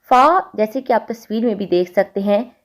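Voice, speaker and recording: A woman teaching a recitation lesson, explaining letter sounds patiently and repeating them slowly to demonstrate. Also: mid-range voice, expressive. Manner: patient, repeats points to the listener.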